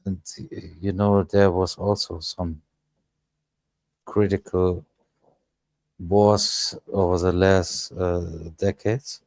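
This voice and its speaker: A man, speaking English as an in a casual panel chat and often pausing to search for words. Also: low-pitched, level tone, gravelly, darkish tone, dry recording. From Germany. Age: 30s. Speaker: panel guest.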